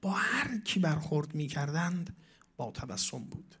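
High-voiced man preaching with emphatic swings. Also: very animated, husky. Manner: emphatic, swinging between loud declaiming and hushed asides. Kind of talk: sermon.

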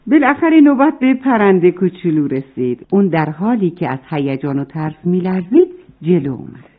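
A woman's voice: on the low side, sing-song, phone-quality sound. Woman telling a children's story. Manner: warm, addresses the children.

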